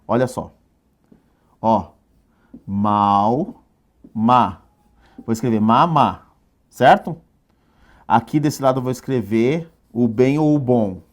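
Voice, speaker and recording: Brazilian guy teaching spelling for exam prep, slows right down on each rule, keeps asking "perfeito?". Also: mid-range voice. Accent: Brazilian Portuguese. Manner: drills rules with rhetorical questions, asks "perfeito?" often; slow, stressed delivery when stating rules. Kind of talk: recorded exam-prep lesson.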